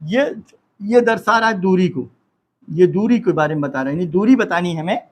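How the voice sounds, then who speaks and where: A male English grammar teacher in a classroom, dictating sentences slowly, repeating each phrase, and asking his students questions. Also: high-pitched, animated.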